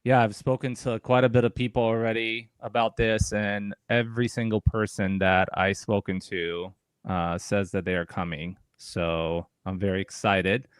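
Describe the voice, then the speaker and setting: A man hosting a casual community show, talking in a relaxed way with lots of fillers. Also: fairly low pitch, moderate pace, clean tone, dry recording. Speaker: host. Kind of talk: casual chat.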